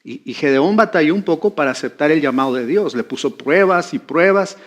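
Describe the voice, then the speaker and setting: A man's voice: a little high, lively intonation, brisk. A man preaching a sermon, talking with the congregation and putting questions to them. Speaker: pastor.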